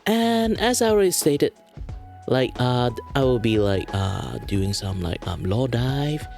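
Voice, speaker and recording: A man's voice: medium pitch, sing-song, unhurried, vocal fry, a little mellow, soft background music. A man hosting as a virtual streamer, introducing himself in a casual, rambling, playful and hesitant way. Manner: hesitant, wandering, playful delivery.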